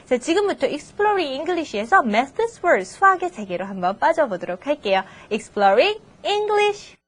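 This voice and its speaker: A woman teaching English numbers to students in a scripted lesson, asking rhetorical questions and drawing out the English example phrases slowly. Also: high voice, very animated. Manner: slow, drawn-out English model phrases between Korean explanations.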